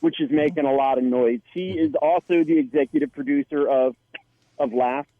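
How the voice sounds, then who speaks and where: A man who is an actor, chatting as a guest and telling stories with lively quoted lines. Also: mid-range voice, normal speed, no echo. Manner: animated storyteller, quotes others. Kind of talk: casual interview chat. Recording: dry tinny phone-like line.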